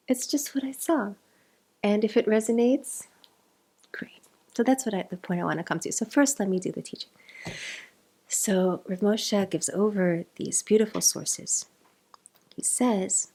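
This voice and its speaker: A woman's voice: medium pitch, darkish tone. A woman with a South African accent giving an informal Torah class, chatty and digressive, mixing in Hebrew terms. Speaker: Torah teacher.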